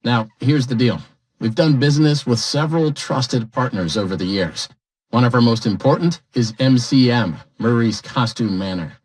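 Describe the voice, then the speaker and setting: An actor voicing a falsely cheerful corporate dispatcher in a video game, chipper and glib. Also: male voice, mid-range voice, moderate pace, natural voice. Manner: chipper, glib, smooth-talking. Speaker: company dispatcher. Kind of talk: scripted video game dialogue.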